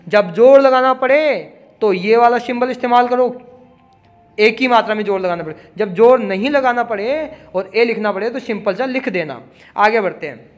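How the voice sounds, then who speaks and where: A man's voice: high voice, normal speed. A man teaching pronunciation and phonetic symbols in a casual classroom manner. He repeats each example word aloud and stresses sounds for emphasis, speaking words. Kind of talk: classroom explanation.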